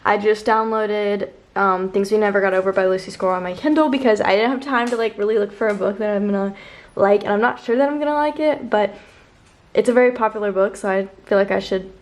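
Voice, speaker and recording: A woman's voice: medium pitch, brisk. A young woman vlogging casually at home, gushing and bubbly about what she reads. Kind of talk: casual chat. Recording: roomy home audio with faint ambience.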